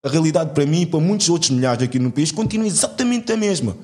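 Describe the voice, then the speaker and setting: A man's voice: fairly high pitch, lively intonation, fast talker, a little mellow. A young man speaks heartfelt and argumentative in an earnest conversation, using casual slang. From Portugal. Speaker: guest.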